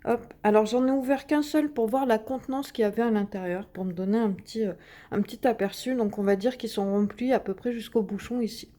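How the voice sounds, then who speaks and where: A woman's voice: a little high, brisk, mellow. A woman casually demonstrating craft supplies, chatting with many fillers and little sounds as she works. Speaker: craft video host.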